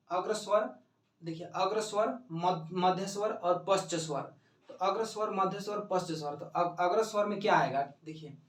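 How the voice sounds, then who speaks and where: A male teacher giving an exam-prep lesson, explaining step by step and asking and answering his own questions. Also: sits high. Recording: echoey room, mic at a distance.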